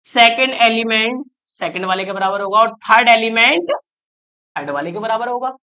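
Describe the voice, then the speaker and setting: In an online math lecture, a male teacher speaks at an extremely high pitch, sounding animated, pushed and bright with a clean tone at a moderate pace. He talks through each step aloud, counting terms, and keeps coaxing students with questions to check that they follow.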